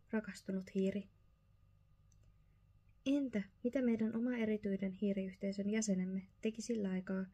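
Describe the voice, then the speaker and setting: Husky woman reading, whispered role-play. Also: medium pitch. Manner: slow, soft bedtime reading. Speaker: storyteller.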